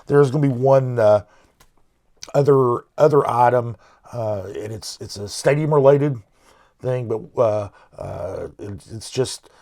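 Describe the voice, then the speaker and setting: A man's voice: mid-range voice, unhurried, dark tone. A middle-aged man co-hosting a local news podcast, talking casually with many restarts and fillers. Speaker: podcast co-host.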